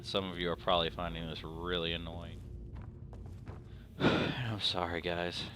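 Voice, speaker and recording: Deep-voiced guy doing let's play commentary, rambly, got the hiccups, game music behind. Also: flat delivery, measured pace. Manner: rambling, filler-heavy, self-deprecating. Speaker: gameplay video host.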